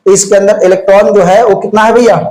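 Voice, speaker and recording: A man's voice: sits high, flat delivery, quick pace, a little mellow, poor audio. A man teaches physics for board exams. He talks in a folksy, chatty way and throws questions at his students before answering them himself. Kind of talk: exam-prep lecture. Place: classroom with lights on, insects flying around.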